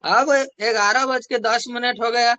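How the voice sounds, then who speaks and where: A man's voice: very high voice, steady tone, unhurried, bright, forceful tone, dry recording. A young man telling a motivational story from his sales work in a chatty way, repeating phrases for emphasis. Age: young adult. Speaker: network marketing distributor.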